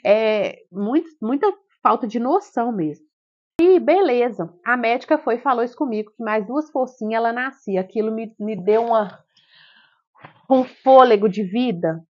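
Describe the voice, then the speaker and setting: Young brazilian woman, vlogger, animated exclamatory storytelling, slightly high voice, dull lo-fi sound. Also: normal speed. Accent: Brazilian Portuguese. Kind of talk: personal storytelling to camera.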